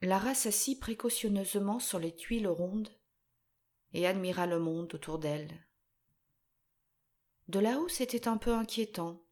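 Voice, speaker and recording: A woman reading a storybook aloud in a gentle, careful way. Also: medium pitch, measured pace, pauses often. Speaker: narrator.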